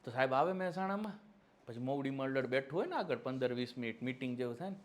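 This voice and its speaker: A man's voice: mid-range voice, animated, quick pace. A man giving a classroom lecture as an exam-prep history teacher, with teasing, mocking satirical asides, who keeps checking that his listeners agree.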